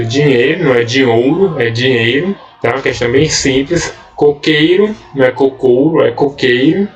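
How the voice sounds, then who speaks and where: A male teacher with a Brazilian accent at middle pitch, talking students through a grammar lesson one step at a time. He checks in often with short tags and slows down on key words. The mic sits some way off from him, with faint music underneath. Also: recorded from a distance. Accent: Brazilian Portuguese. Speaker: Portuguese teacher. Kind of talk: recorded grammar lesson for seventh graders.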